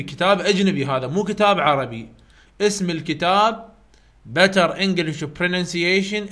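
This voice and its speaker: In a live online class, an English phonetics tutor with an Iraqi Arabic accent speaks in a high, fairly bright voice. He goes over key points again and again in a chatty way, talking right to his students.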